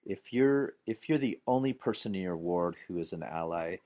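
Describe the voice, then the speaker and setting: Deep-voiced male host, measured and reflective. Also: expressive, warm tone. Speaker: podcast host. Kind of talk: interview conversation.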